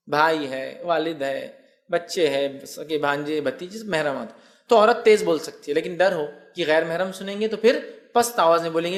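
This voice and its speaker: A man giving a religious lecture as a preacher. He explains step by step, recites Arabic phrases and asks the listeners rhetorical questions. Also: on the high side. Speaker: Islamic preacher.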